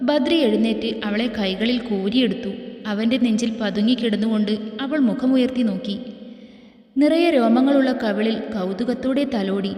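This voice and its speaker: A woman reads a romance story aloud, steady and expressive, her voice fairly high yet mellow. The recording sounds roomy, with echo and a long reverb trailing each phrase. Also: normal speed. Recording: echoey room with long reverb.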